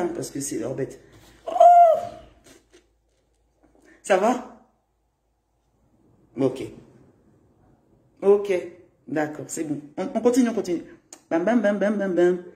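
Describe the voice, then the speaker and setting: A talkative woman hosting a casual livestream and greeting viewers as she goes. Her voice is dark and mellow, and it rings around a roomy, echoey space. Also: on the low side. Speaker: livestream host. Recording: roomy echo.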